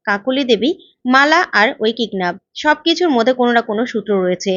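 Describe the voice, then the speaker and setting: A woman voicing a sharp-tongued woman who probes and cuts with her words, on a slightly dull lo-fi recording. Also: a little high, lively intonation, fairly quick, dry recording. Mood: probing. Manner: probing, cutting.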